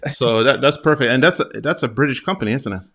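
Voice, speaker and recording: A man with an average-pitched voice hosts a relaxed interview chat. He feels his way through questions haltingly, rephrasing as he goes. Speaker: interviewer, host.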